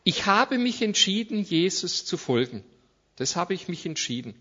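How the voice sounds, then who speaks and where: A man's voice: sits high, sing-song, normal speed, pushed and bright, slightly rough, muffled recording. A man preaching a conversational sermon as a guest speaker, with frequent tag questions and restarts. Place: church service.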